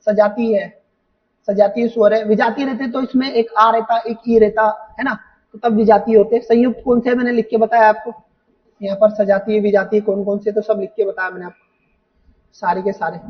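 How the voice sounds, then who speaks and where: A man's voice: sits high, level tone, a little fast, recorded from a distance. A man teaching an exam-preparation lesson who explains patiently, repeats points and keeps asking the students rhetorical questions. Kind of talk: exam paper walkthrough lesson. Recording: dull sound, voice from off the mic.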